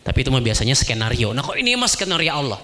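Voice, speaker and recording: Man, preacher, animated storytelling, bright voice, very lively pitch. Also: very fast. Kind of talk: storytelling sermon.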